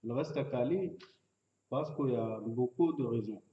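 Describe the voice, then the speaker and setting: Sudanese man speaking halting, broken French, echoey. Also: medium pitch. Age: 30s. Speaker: refugee giving testimony. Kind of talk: personal testimony at a public meeting. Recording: dull, echoey room, distant mic.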